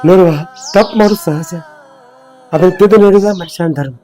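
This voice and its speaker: A man's voice: high-pitched, fairly quick, warm tone, soft background music, lightly acted. An actor with a North Karnataka Kannada accent, playing a stern elderly village father-in-law who lectures and scolds. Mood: stern advice. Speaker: actor in a village comedy film.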